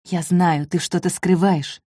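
A woman's voice: fairly low pitch, fairly even intonation, unhurried, dark tone, breathy edge, dry recording. A woman voicing a harsh, menacing male German officer in a dry, close recording. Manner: threatening, contemptuous.

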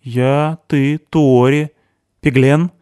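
A man's voice: mid-range voice, fairly even intonation, extremely slow, warm tone, smooth, dry recording, clean studio sound, voice pushed up. A man voicing a tense, secretive young woman with terse, grim replies. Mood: terse urgency.

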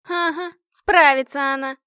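A woman voicing a brash, hot-tempered young woman who talks loudly and indignantly with rough slang. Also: sits high, expressive, normal speed, no room sound, studio quality, voice pushed up.

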